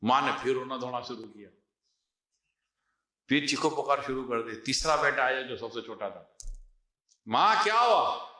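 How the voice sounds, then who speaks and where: A male preacher telling a moral story in a sermon, animated, acting out the characters and mixing in English words. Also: mid-range voice, pauses often. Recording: roomy echo.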